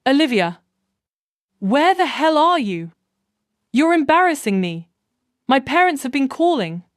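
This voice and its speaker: A woman's voice: high-pitched, animated, unhurried, no room sound, studio quality, voice pushed up. A woman reading the lines of an irritated, dismissive husband in a storytelling narration. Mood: annoyed. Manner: irritated, demanding. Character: angry entitled husband, scolding and dismissive.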